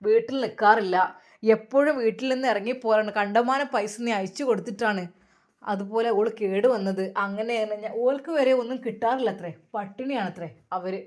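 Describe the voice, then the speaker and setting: A woman's voice: mid-range voice, normal speed, a little mellow, lightly acted. A woman voicing a bitter, angry young husband who talks bluntly and with scorn. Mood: scornful.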